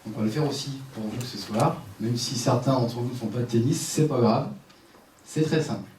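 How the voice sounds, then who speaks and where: A man's voice: medium pitch, normal speed, darkish tone. A man giving a sports conference talk on a headset mic, leading the audience through exercises with a directive, joking manner. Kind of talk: live lecture with audience exercises. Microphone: headset microphone. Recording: echoey room, voice from a distance, faint room noise.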